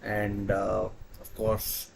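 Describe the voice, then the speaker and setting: A man commentating live on a football shootout as an anxious fan, halting and repeating his phrases. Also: on the low side, monotone, creaky, slight background noise. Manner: halting, hesitant delivery. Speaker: football watchalong host.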